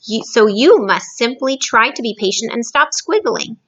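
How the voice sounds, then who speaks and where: A woman voicing a big, gentle male giant who jumbles his words, read from a storybook. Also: fairly high pitch, animated, moderate pace, highs cut off. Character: big friendly male giant, muddled speech.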